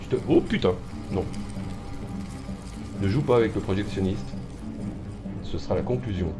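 Excitable, swearing man commentating a game. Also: on the low side, normal speed, music in the background. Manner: excitable, swearing, taunting the game's enemy with mock drama. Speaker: streamer playing a horror game. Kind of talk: live gameplay commentary.

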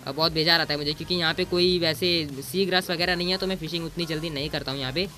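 A man's voice: on the high side, steady tone, fast, sharp tone, soft background music. A man giving casual gameplay commentary as a gaming YouTuber, bossy and teasing, throwing in English exclamations.

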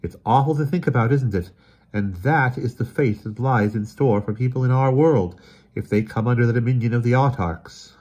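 Playing a grave, weary brother in a storybook, a man sounds shaken yet insistent, his mood grave and horrified. The delivery is high and strained above normal speaking level, emphatic, exasperated and theatrical, though his natural voice moves at normal speed with a darkish, breathy edge.

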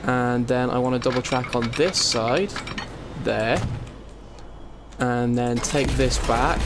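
A man's voice: mid-range voice, noisy background. A man casually commentating his gameplay through a heavily compressed mic, muttering to himself as he builds, with keyboard clicks audible. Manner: muttering to himself while building, self-mocking. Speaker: let's play host. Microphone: desk mic with compressor. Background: keyboard typing.

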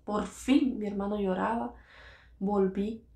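A woman's voice: mid-range voice, fairly even intonation, takes it slowly, creaky, mellow. Earnest woman retelling her own story, roomy echo. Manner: earnest, repeats phrases, acts out quoted voices. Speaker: vlogger recounting her own experience. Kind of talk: emotional personal storytelling.

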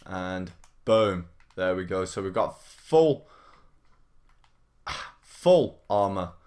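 A man hosting a gaming livestream, giving casual running commentary in an excitable way, often repeating his phrases and exclaiming. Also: low-pitched, very slow. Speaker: livestream gamer, host. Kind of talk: live gameplay commentary, casual.

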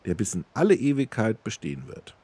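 A man's voice: on the low side, very animated, brisk, mellow, breathy edge. A man voicing an eager young noble wanderer who seeks power, in a slightly raised, earnest, pleading voice.

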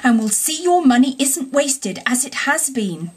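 Woman as storybook mole, male, earnest, grave, loyal, husky. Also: sits high, very animated, unhurried, pitched above the performer's own voice, exaggerated voice. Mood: earnest, chiding.

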